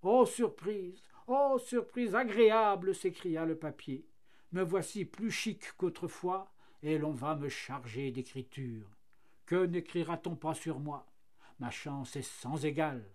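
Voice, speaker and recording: A man's voice: fairly high pitch, unhurried, darkish tone, lightly acted. A man voicing a cheerful, self-satisfied flax plant that becomes linen and then paper, marvelling at its fortune. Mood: delighted.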